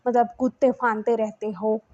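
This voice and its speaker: A caring older man who lays down the rules for the family, read by a woman in her slightly high everyday voice. He sounds firm and instructing, and the reading stays close to plain storytelling. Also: flat delivery, normal speed, dark tone, dull audio, natural voice.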